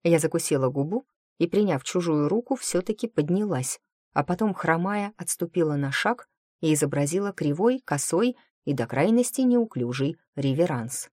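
A woman narrating a first-person fantasy audiobook in a lively, expressive storytelling manner. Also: deep voice, moderate pace, dry recording, studio quality.

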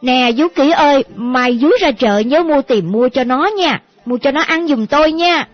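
A woman's voice: sits high, normal speed, dry recording, natural voice. A woman voicing a tearful, doting old grandmother, fussing and repeating herself in an audiobook. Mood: bustling. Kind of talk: audiobook character voice. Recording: dull lo-fi audio with faint music.

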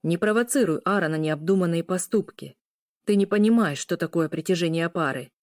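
A woman's voice: lowish voice, fairly quick, darkish tone, no room sound, studio quality, natural voice. A woman voicing a stern werewolf uncle in an audiobook, blunt and lecturing.

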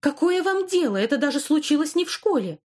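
A woman's voice: fairly high pitch, normal speed, darkish tone, lightly acted. A woman reading an audiobook, voicing a rebellious, distraught teenage girl who turns defiant, then desperate. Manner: sulky, then desperate and sobbing. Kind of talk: audiobook character voice.

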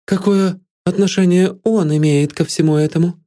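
A man's voice: high voice, steady tone, normal speed, warm tone, voice pushed up, close to an everyday voice. A man voicing a proud, cool young woman who turns feverish under questioning, read as an audiobook figure. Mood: agitated. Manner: cool and scornful, rising to feverish alarm.

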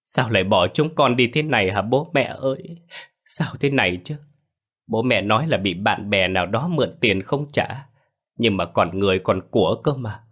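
A man's voice: lowish voice, normal speed, pauses often, natural voice. A man voicing a scheming young wife who fakes tearful grief with wailing, sobbing pleas in a told story. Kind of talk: storytelling with acted dialogue.

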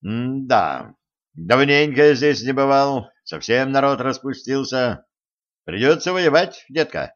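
A man's voice: mid-range voice, sing-song, slow, muffled recording. Koschei, a man doing a drawling sardonic sorcerer. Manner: drawling, curt and mocking. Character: lazy, sardonic immortal male sorcerer.

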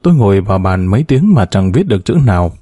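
A man narrating a story aloud in a steady, even storytelling manner. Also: low voice, fast talker, breathy edge, no room sound, clean studio sound. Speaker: audiobook narrator.

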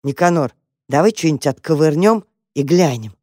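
A woman's voice: low-pitched, lively intonation, moderate pace, warm tone, no echo, studio quality. A woman voicing a mischievous, curious young mouse speaking slyly. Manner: sly, wondering.

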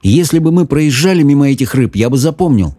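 A man's voice: mid-range voice, expressive, brisk, dark tone, dry recording, pitched above the performer's own voice, natural voice. A man voicing a nervous, curious young boy in a storybook reading. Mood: uneasy.

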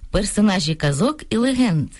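A woman co-presenting a scripted radio talk on grammar, reading out examples in a clear, deliberate way. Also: medium pitch, expressive, darkish tone. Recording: radio studio broadcast.

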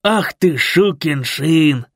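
A boisterous bearded biker, put on by a male narrator, bellowing in a raised, strained voice with a thick toothless lisp. He drags his words out slowly and shouts them. The dry, close sound adds no room around him. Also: on the high side, animated, no room sound, voice pushed up, full character voice. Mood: gleeful. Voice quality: lisping, mushy toothless speech.

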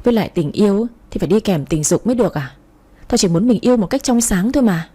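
A woman's voice: medium pitch, animated, quick pace, warm tone, husky. A woman voicing a heartbroken young woman who whines plaintively to her friend. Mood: hurt.

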